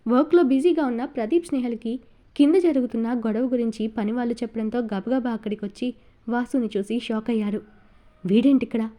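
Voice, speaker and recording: A woman narrating a Telugu audio novel in an even storytelling manner. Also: a little high, a little fast.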